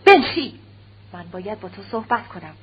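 Woman doing a cold harsh husband, bossy and contemptuous, kinda high voice, dull lo-fi sound with a faint hum. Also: close to an everyday voice. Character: stern cold-hearted husband, a harsh older official.

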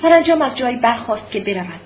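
Brief: measured female audiobook narrator, fairly high voice, muffled recording with faint hiss. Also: very animated. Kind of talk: audiobook reading of a classic novel.

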